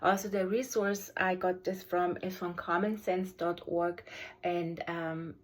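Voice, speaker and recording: Her voice sits on the low side with little pitch movement as this special education teacher, a native German speaker with a German accent, reviews an app unscripted. The delivery is halting, broken by frequent ums and restarts.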